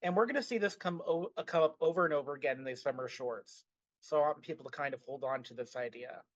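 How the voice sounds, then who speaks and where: A man's voice: on the high side, fast talker, no echo. Chatty man with a muffled mic. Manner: chatty, frequent fillers and restarts. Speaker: podcast co-host. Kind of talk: casual podcast discussion.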